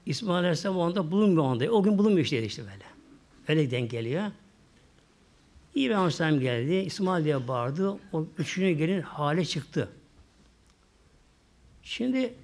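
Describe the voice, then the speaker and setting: A male preacher telling a religious story in a sermon, repeating himself and often slowing down for emphasis. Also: high-pitched, darkish tone.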